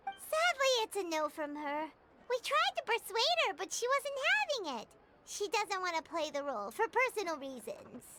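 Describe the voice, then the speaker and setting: A woman's voice: very high-pitched, sing-song, moderate pace, heavy background noise. A woman voicing Paimon, a tiny, chatty fairy companion who talks about herself in third person, in a video game. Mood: disappointed. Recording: game audio with loud music behind.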